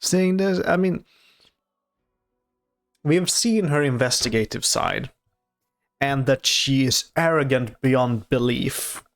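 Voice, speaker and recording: Slow, gravelly-voiced man reacting. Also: mid-range voice, faint music behind. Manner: halting, many fillers and restarts, soft-spoken. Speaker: show reactor. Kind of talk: casual reaction commentary. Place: off-camera voice-over.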